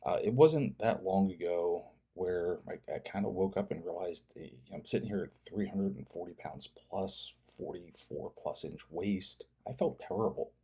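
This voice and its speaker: A man in his fifties talking to viewers in a personal vlog, earnest and halting, often restarting his words. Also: sits low, mellow, breathy edge. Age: 50s. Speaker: fitness channel creator and host.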